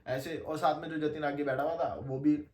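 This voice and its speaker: Animated young man telling a story. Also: a little high, normal speed, distant mic. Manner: animated, slangy, laughs through the telling. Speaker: podcast guest storyteller. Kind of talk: casual storytelling chat. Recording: echoey room, faint ambience.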